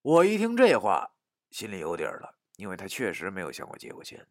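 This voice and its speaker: A man narrating a first-person story, dramatic, dropping to a hush and rising to shouts. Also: low-pitched, brisk, no echo, clean studio sound. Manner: animated, dramatic, swings from hushed to shouting.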